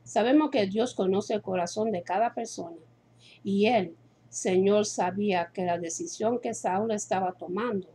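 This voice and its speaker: A woman reads a devotional sermon aloud, slowly and deliberately, stopping to cite chapter and verse. Her voice is mellow and a little husky, and she sometimes corrects herself mid-line. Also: medium pitch. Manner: slow, deliberate reading with self-corrections. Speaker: preacher reading a devotional. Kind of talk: read-aloud sermon with scripture citations.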